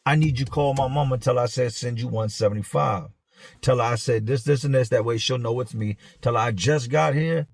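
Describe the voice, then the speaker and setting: A man voicing a jittery, pushy male addict cellmate, who pleads and talks fast. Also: mid-range voice, gravelly, no room sound. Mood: pleading.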